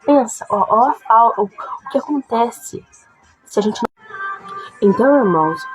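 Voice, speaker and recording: A woman's voice: mid-range voice, rough recording. A woman telling a personal faith testimony in a conversational way, often checking in with her listeners. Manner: conversational, frequent tag questions. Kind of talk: emotional testimony.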